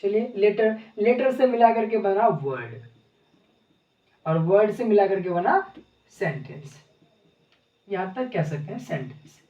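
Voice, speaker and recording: A woman's voice: mid-range voice, big pitch swings, unhurried, long pauses, dark tone. A woman teaching a beginners' language lesson, explaining step by step and answering her own questions. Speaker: English teacher. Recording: echoey room, distant mic, dull sound.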